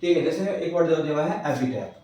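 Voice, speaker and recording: A man's voice: fairly high pitch, lively intonation, fairly quick, warm tone. A male English teacher lecturing a class, who keeps asking his students questions and answering them himself. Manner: repeats checks like "clear hai". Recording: echoey classroom, far from the mic.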